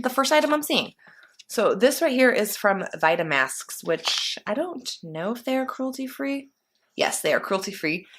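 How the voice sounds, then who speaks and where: This mid-range, slightly bright voice belongs to a woman vlogger opening a beauty box on camera. Her chat is casual and rambling with fillers, and allergies leave her a little congested.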